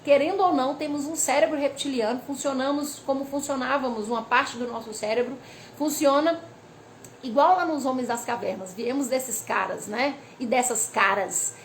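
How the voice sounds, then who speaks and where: At an ordinary pace, a weight-loss educator with a high voice casually explains hormones to the camera. Lively and reading from notes, she leans often on "né?" and "tá?". There's faint background noise in the recording.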